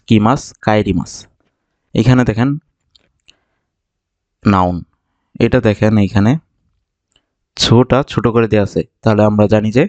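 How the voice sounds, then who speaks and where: A man from Bangladesh teaching vocabulary, explaining patiently and repeating each word slowly for learners. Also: on the low side, a little mellow, no room sound, highs cut off. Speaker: Japanese language teacher. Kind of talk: vocabulary lesson narration.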